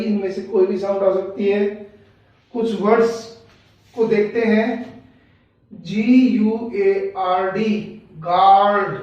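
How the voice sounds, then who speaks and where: A man with a high voice teaches pupils, spelling each word out letter by letter and then sounding it. He goes very slowly. His voice carries a heavy echo from a room, picked up from some distance. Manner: slow, deliberate letter-by-letter spelling followed by the word. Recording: very echoey room, distant mic, dull sound.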